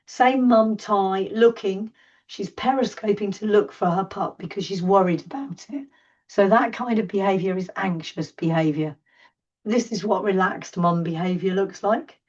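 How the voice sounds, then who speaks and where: A woman's voice: mid-range voice, moderate pace. A middle-aged woman with a slightly sore throat talks through wildlife clips in an easy, enthusiastic lecture style. She sits a little back from a dull, lo-fi microphone, so her voice sounds distant and muffled. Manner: chatty, enthusiastic commentary over wildlife clips. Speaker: seal researcher giving an online talk. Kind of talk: informal narrated video lecture.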